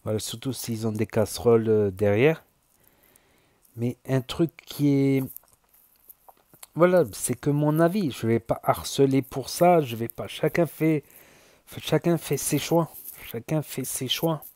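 A man with a southern French accent, a YouTuber talking casually to his viewers in a halting way, often repeating himself and using fillers. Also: medium pitch, a little mellow, no echo, clean studio sound. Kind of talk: casual spoken commentary.

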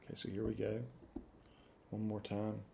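Middle-aged male demo presenter, Appalachian accent, lowish pitch, very relaxed dark tone, deliberate casual delivery. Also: vocal fry, slight background noise. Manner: deliberate, spelling out punctuation while dictating. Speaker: software reviewer. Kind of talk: dictation test with casual commentary. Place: room at home, indoors.

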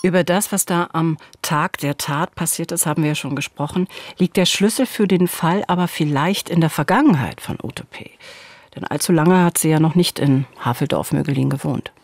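In a small dark studio, a true-crime podcast host in her forties reads scripted narration in dialogue at a studio boom microphone, headphones on. Her voice sits low, she talks at a normal speed, and the recording sounds dry.

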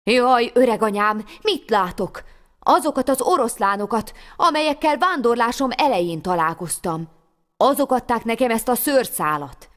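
A woman voicing an eager, worried young wandering lad in a folk tale, with excited, raised exclamations. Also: lowish voice. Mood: eager, alarmed. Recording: long hall reverb.

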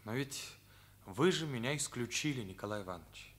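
The actor voicing the sincere, troubled ninth-grader in a Soviet radio drama is earnest, searching and hesitant. This time his medium-pitched voice is animated and brisk, with a slight brightness.

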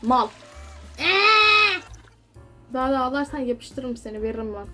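A woman's voice: high-pitched, very animated, measured pace, bright, forceful tone, faint music behind. A young woman giving casual gameplay commentary, chatty and exasperated, scolding the characters on screen. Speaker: gaming YouTuber.

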